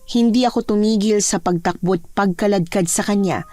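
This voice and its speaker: Female storyteller: first-person horror narration, measured and hushed, mid-range voice. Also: mid-range voice, dry recording.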